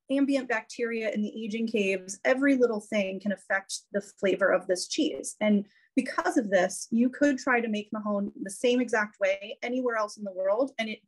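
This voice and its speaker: A woman's voice: on the high side, low-quality recording. A woman giving an informal, educational slide presentation over a video call. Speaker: cheese educator presenting a webinar. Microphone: video call microphone.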